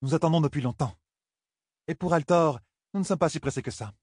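A man's voice: fairly high pitch, a little fast, darkish tone, slightly rough, no room sound, clean studio sound, voice pushed up. A man voicing an impatient vengeful woman. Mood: insistent.

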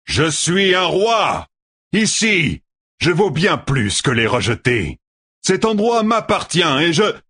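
A man voicing an arrogant, ruthless male killer who shouts and taunts in an audiobook. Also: a little high, wildly swooping pitch, moderate pace, breathy edge, voice pushed up, heavily acted. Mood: boastful shouting. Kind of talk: audiobook character voice.

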